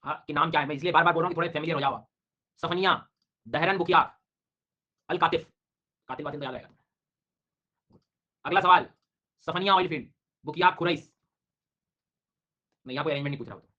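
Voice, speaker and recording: A middle-aged man teaches a live online class at a fast clip, his voice bright and pitched a little high. He jokes and teases his students as he drills a list of names. The audio is dull and lo-fi. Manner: joking, teasing students while drilling names. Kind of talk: online exam-prep lecture.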